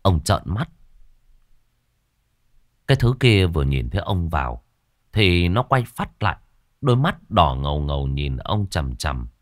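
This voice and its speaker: A man narrating a ghost story in a dramatic, expressive storytelling manner. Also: low-pitched, a little slow, pauses often, dry recording, clean studio sound.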